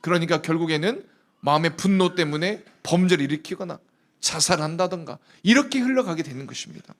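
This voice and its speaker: A man's voice: on the high side, fairly quick, fairly bright tone. A male pastor preaching a sermon to a youth congregation in a conversational way, full of rhetorical questions.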